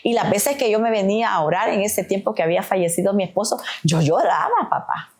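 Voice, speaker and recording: A woman's voice: medium pitch, brisk, a little mellow. A middle-aged woman, a podcast guest, giving an earnest, emotional testimony of faith, often calling the host "papá".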